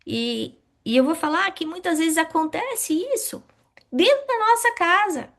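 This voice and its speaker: A middle-aged woman teaching a spiritist study class, asking questions and answering them herself in a lively way. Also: very high-pitched, measured pace, creaky.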